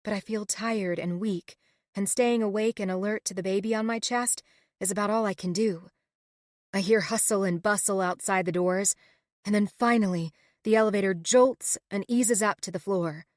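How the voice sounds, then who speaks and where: A woman's voice: medium pitch, fairly even intonation, normal speed, darkish tone, dry recording, clean studio sound. A woman narrating a romance audiobook in the first person, reading with emotional expression.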